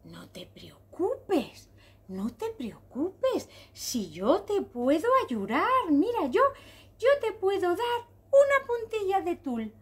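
A woman voicing a helpful lady spider, speaking slowly and softly, partly whispered. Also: very high-pitched, very animated, pitched above the performer's own voice, heavily acted. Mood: caring. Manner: slow, soft, partly whispered.

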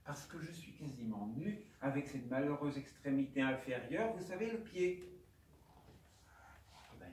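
A man tells his own story at a conference in a very slow, halting way, with aphasia in his speech and many repeated words and phrases. He sounds far from the mic, and the large room echoes around him. A faint hum of ambience sits underneath. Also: mid-range voice, a little mellow. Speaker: doctor giving a conference talk. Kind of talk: personal testimony lecture. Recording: roomy hall, distant mic, faint ambience.

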